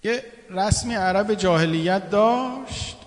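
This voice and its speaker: A man preaching a sermon and reciting a mourning lament, his voice climbing high and impassioned, then closing with solemn low-voiced prayers. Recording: long echoing hall reverb.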